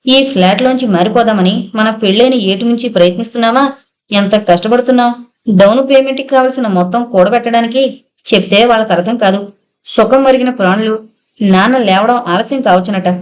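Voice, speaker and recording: A woman voicing an exasperated young husband and father who turns impatient and sharp on the phone. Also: fairly high pitch, brisk, lightly acted. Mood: bitter.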